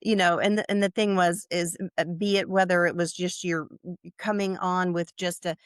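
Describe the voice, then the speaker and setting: A woman in her sixties, interviewed as a client, talking in a halting way with many fillers and restarts. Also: fairly low pitch, little pitch movement, no echo, studio quality. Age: 60s. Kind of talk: casual interview.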